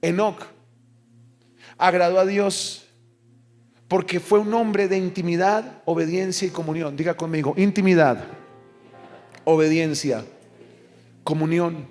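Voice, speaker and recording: Pastor, man, fairly high voice, emphatic pulpit delivery, faint music under. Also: unhurried, long pauses. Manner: emphatic, animated preaching with call-and-response. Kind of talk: sermon. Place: church service.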